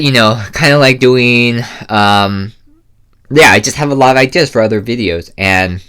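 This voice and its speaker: A young man chatting casually while eating on a close, loud mic, rambling and hesitant, full of fillers. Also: fairly low pitch, smooth. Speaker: mukbang vlogger. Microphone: close mic, loud for ASMR.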